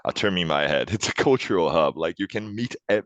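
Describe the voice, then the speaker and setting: A Brazilian man in his twenties, with a Brazilian Portuguese accent and a deep voice, answers interview questions casually and thoughtfully. He speaks briskly with lively intonation, restarting sentences and laughing softly. The recording is lo-fi with no room sound.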